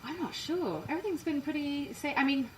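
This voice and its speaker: A woman from England, partly raised in Canada, with an English accent, chatting quickly and self-deprecatingly as a musician being interviewed. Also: high voice, lively intonation, a little mellow, reverberant, recorded from a distance, a little hiss or hum, low-quality recording. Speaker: musician guest. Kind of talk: casual interview chat. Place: inside a parked trailer.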